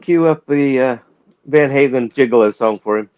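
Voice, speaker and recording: A man's voice: medium pitch, normal speed, darkish tone, no room sound. A middle-aged man co-hosting a podcast in casual chat, joking and laid-back. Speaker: podcast co-host. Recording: dull lo-fi sound.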